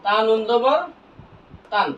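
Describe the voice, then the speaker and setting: A man teaching Quran reading, who asks each point as a question, answers it himself, and spells out letters slowly. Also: high voice, a bit bright. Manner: slow, drawn-out spelling of letters. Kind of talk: classroom lesson with call-and-response questions. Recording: echoey, distant, dull lo-fi room sound.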